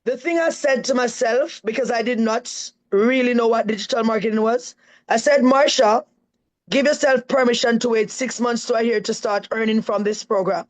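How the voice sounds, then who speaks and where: A woman's voice: fairly high pitch, normal speed, low-quality recording. A woman with a Jamaican accent speaks as a guest on a live-stream interview. She tells her story in an earnest, emphatic way and often ends a point with "right?".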